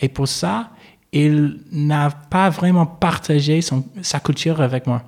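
Halting man with a gravelly voice. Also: on the high side, darkish tone. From England. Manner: halting, searching for words in a second language. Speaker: interviewee. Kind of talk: casual interview answers.

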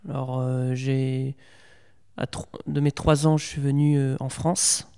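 Young male interviewee, hesitant and halting, flat warm voice, reverberant room. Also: mid-range voice, creaky, clean tone. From Portugal. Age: young adult. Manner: hesitant, many fillers and restarts. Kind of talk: casual interview.

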